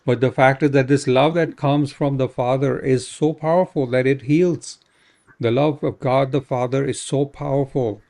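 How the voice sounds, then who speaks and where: A man's voice: medium pitch, steady tone, moderate pace, a little mellow. A man ministering in prayer, fervent and exhorting, often tagging his sentences with "right?".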